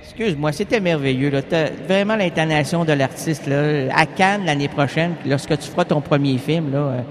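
A man's voice: on the high side, moderate pace, slight background noise. A man with a Québécois accent doing a rambling improvised comic monologue full of wordplay. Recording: long hall reverb with faint music.

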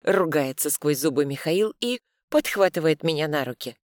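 Woman reading an audiobook with lively emotion. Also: normal speed, no echo, clean studio sound. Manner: emotional, acts out her lines in loud high cries. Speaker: narrator. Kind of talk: first-person audiobook narration.

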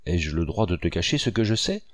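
A man voicing a troubled male writer who speaks gravely and hesitantly. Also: sits low, very animated, fairly quick, no echo, clean studio sound.

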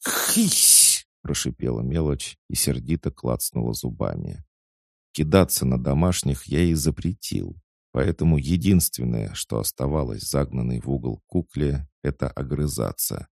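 A man narrating an audiobook in the first person, even storytelling. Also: rumbling low, normal speed, vocal fry, dry recording, clean studio sound.

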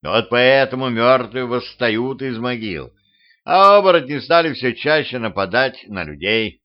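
A man voicing an unhurried old village carter who explains things in a slow, folksy way. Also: mid-range voice, animated, highs cut off, lightly acted. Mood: calm. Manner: slow, folksy, matter-of-fact.

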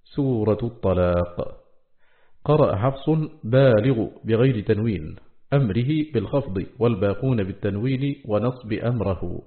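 A man with a low voice recites a scholarly text in an even, measured way. He slows down to spell out each quoted word. The sound is thin and narrow, like a phone line. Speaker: reader of a classical text.

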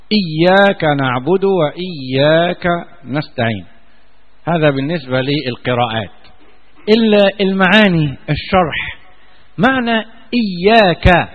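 Egyptian sheikh giving a quran lesson, reverb-heavy hall, sounds like a phone line. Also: male voice, sits high. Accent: Egyptian Arabic. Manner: chanting verses slowly, then explaining in colloquial asides. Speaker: sheikh teaching Quran commentary. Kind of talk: religious lesson.

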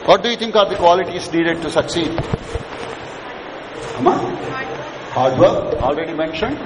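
Speaking at normal speed with lively intonation and a fairly high voice, an Indian-accented lecturer runs a management session before an audience of students. He keeps prodding them with questions and restating his points, in a large hall that's echoey and noticeably noisy.

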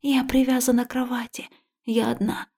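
Husky, whispery woman narrating an audiobook. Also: on the high side, flat delivery, moderate pace, darkish tone. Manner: intimate, often breathy and whispered, emotional. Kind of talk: first-person scripted narration.

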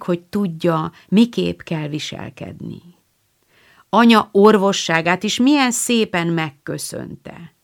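A woman reading the lines of a sentimental, self-assured teenage girl in an audiobook. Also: on the low side. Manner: sentimental, knowing. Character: romantic, proper eldest teenage sister.

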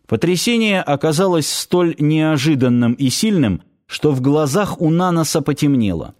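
A man narrating an audiobook in a measured reading voice. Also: a little high, very animated, a little mellow. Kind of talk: scripted narration.

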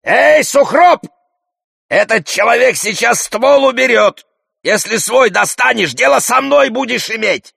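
A scheming hunchbacked warlord shrieks his taunts in a high, piercing voice, as a male reader puts him on. He needles and threatens in sharp bursts, crackling with grit. The audiobook recording is close and dry. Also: expressive, a little slow, vocal fry, husky, no room sound, exaggerated voice. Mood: shouting. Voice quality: shrill, shouting. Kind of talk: audiobook character voice.

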